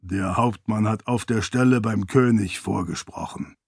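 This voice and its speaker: A man voicing a deep-voiced, formal and courteous floating spirit servant in an audiobook. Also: unhurried, gravelly, a little mellow, slightly rough, no room sound, clean studio sound, heavily acted.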